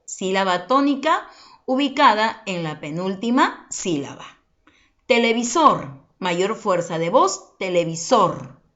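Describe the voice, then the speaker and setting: A woman's voice: medium pitch, very animated, measured pace, highs cut off. A woman teaching an online class for children, patiently explaining and asking check-in questions.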